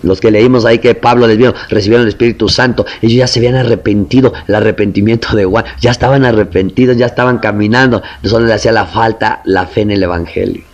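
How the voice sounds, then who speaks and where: Impassioned low-voiced male preacher. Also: steady tone, quick pace, few pauses, highs cut off. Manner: impassioned, rising to emphatic lists; addresses listeners as brother. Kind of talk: sermon.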